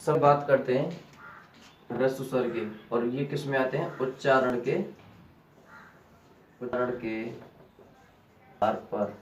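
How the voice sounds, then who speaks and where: Slow echoey male grammar teacher. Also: mid-range voice, slight background noise. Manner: repeats key terms as questions to students; slow and deliberate. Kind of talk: classroom grammar lesson. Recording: echoey room, voice from a distance.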